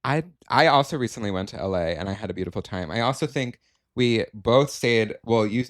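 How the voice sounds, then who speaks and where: A man's voice: lowish voice, expressive. A young man co-hosting a podcast, telling long, rambling stories in casual chat. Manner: chatty storyteller, drawn-out anecdotes, laughs often. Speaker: podcast co-host.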